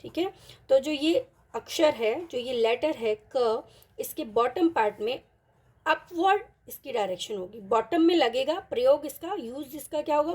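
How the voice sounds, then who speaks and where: A woman teaching an online Hindi lesson, patiently mixing in English words and repeating each example word slowly. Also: high-pitched, darkish tone, breathy edge.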